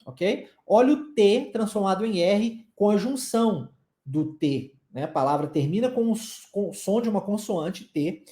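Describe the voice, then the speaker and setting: A man with a Brazilian Portuguese accent teaching an English lesson, modeling phrases slowly and deliberately and encouraging the listener to repeat after him. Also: sits high, expressive, dark tone, echoey room.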